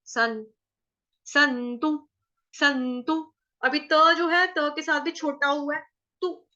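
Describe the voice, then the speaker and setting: Woman recitation teacher, Hindi accent, bright high voice, slow careful delivery, slightly dull recording. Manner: drawn-out sung model phrases, then quick plain explanations; patient, quizzing students with questions. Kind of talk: slow line-by-line pronunciation lesson.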